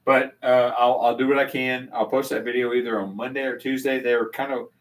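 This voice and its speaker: A man's voice: mid-range voice, little pitch movement, brisk, recorded from a distance, poor audio. Rambling older man, off-mic. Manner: rambling with many restarts and fillers. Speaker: channel host. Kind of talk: casual live chat. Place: his home bar.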